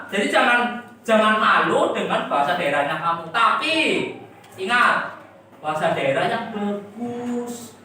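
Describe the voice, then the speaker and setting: A woman's voice: mid-range voice, bright, forceful tone, a little hiss or hum. A woman teacher giving a classroom lesson, quizzing and coaxing her pupils with repeated questions. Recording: echoey classroom from far off.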